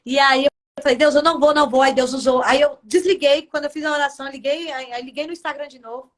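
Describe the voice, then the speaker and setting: Brazilian woman, gospel singer, high voice, emotional testimony over a video call. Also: fairly even intonation, quick pace. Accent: Brazilian Portuguese. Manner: emotional storytelling, acts out her own past words. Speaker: gospel singer, interview guest. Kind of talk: casual testimony in a radio interview.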